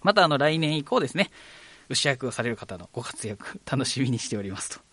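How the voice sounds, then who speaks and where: Chatty Japanese radio host, lively pitch. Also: male voice, brisk, husky, no echo. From Kagoshima, Japan. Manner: polite, chatty, many "ano" fillers. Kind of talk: live local radio talk.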